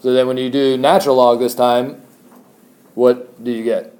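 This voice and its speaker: Male math teacher, mid-pitched, chatty classroom lecture with jokes. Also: level tone, moderate pace, mellow. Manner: chatty, jokey with students.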